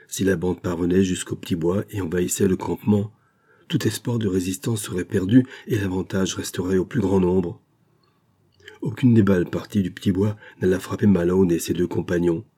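A male audiobook narrator with a husky, dark voice, pitched somewhat low. He reads steadily and measuredly, in plain scripted narration.

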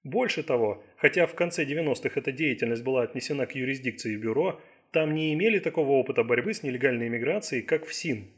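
A man narrating an audiobook thriller in a steady, measured reading. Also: mid-range voice. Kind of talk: scripted narration.

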